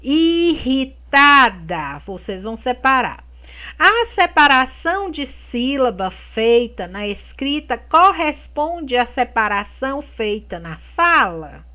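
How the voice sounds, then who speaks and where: A woman teacher giving a remote lesson to young children, speaking slowly and clearly, stretching out words and checking in with tag questions. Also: fairly high pitch, sing-song, pushed and bright. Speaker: primary school teacher.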